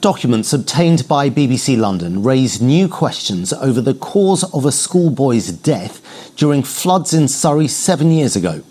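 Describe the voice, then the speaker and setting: A man's voice: medium pitch, big pitch swings, moderate pace, mellow, breathy edge. A man presenting scripted regional television news as the anchor.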